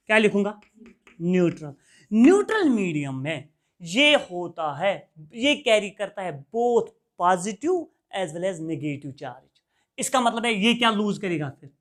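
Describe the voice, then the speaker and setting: A man's voice: high voice, fairly bright tone. A male teacher giving a classroom chemistry lecture, quizzing his students in a call-and-response rhythm and answering his own questions. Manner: repeats key terms in a call-and-response rhythm.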